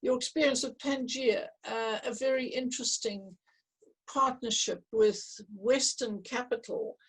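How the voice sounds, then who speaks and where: A woman chairing a virtual panel discussion, asking measured questions with some hesitant restarts. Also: on the high side, fairly even intonation, breathy edge, low-quality recording.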